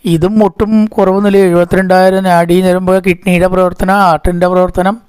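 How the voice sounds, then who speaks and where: A man, teaching verse recitation patiently. He breaks words apart and chants the verse lines slowly. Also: high voice, level tone, darkish tone, smooth, dry recording. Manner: patient, repeats syllables slowly to correct pronunciation.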